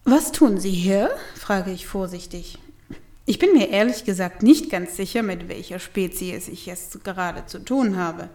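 Woman narrator, slow delivery, wry comic tone, whispered asides. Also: on the low side. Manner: lively, wry first-person storytelling with whispered asides. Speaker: audiobook narrator. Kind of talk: first-person comedic audiobook narration.

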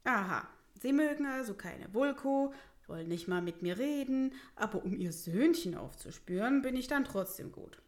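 A woman's voice: fairly high pitch, expressive, normal speed, voice pushed up, close to an everyday voice. A woman voicing a grumpy, sarcastic male wolf who works as a stonemason in a storybook reading. He answers curtly and mockingly. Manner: curt, mocking, irritable.

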